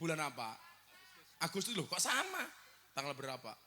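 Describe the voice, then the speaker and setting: A man in his forties with a Javanese accent, preaching a comic sermon to a crowd and teasing with loud bursts. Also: fairly high pitch, wildly swooping pitch, moderate pace. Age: 40s. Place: outdoor religious gathering with crowd. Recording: long hall reverb, faint noise.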